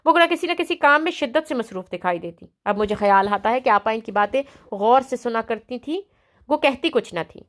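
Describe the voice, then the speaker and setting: A woman narrating a novel aloud in a steady storytelling manner. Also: a little high.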